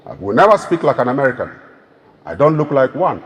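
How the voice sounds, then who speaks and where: A Nigerian keynote speaker with a clear Igbo accent delivers a public speech in an emphatic, oratorical style, building each point to a rousing peak. He talks fairly quickly, his pitch rising and falling in wide, animated sweeps. A large hall gives his voice a long reverb, with slight background noise.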